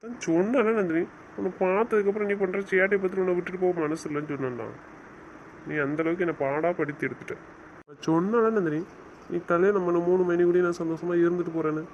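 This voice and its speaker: Steady in tone and fast, a high-pitched male voice portrays a young husband, stern but loving, in an audio drama. He lectures and scolds, then coaxes, all on a dull lo-fi recording with faint noise.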